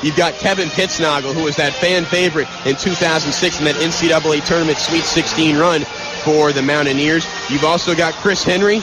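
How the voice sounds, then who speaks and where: Steady in tone, slightly high, and a little fast, a man delivers clipped live radio commentary on a college basketball game from the arena, amid plenty of crowd noise.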